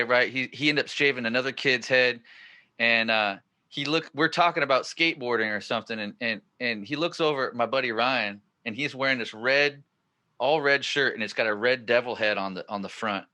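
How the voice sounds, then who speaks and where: A man in his forties hosts a podcast and tells a winding story. His voice is bright and forceful, sits at an everyday middle pitch, and rises with excitement as the story peaks. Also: normal speed. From northern California. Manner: excited, rambling storyteller who gets louder at the punchlines. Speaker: podcast host. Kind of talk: casual storytelling chat.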